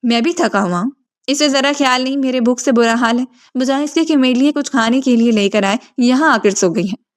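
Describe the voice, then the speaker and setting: Possessive young husband, impatient, demanding, storybook reading, woman reading, highish voice. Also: natural voice. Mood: insistent.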